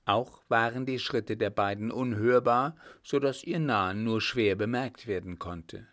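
A man reads a novel aloud at a slow, deliberate pace. His mid-pitched voice carries an even, measured storytelling manner through long sentences. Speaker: audiobook narrator. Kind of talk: scripted narration.

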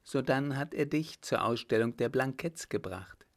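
A man reading an audiobook, voicing a calm, coldly vengeful young woman. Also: medium pitch, vocal fry. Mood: cold resolve. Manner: calm, hard, measured. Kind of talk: audiobook character voice.

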